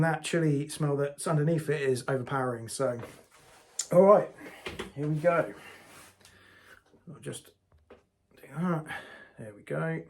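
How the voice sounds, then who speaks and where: A man's voice: on the high side, a little mellow. A man hosting a casual hot sauce review vlog, talking straight to his viewers in a chatty way.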